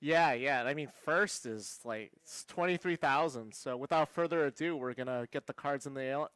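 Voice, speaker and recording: A man commentating on a live poker broadcast, talking in a halting way with many fillers and restarts. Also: mid-range voice, fairly bright tone.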